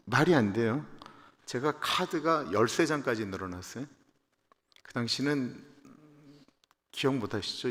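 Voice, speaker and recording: A Korean-born pastor in his fifties preaches a personal testimony at a dawn service. His voice sits at an ordinary male pitch, and he shifts between hushed, confessional storytelling and loud, emphatic declarations. The sound carries the long reverb of a church hall. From South Korea. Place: church sanctuary.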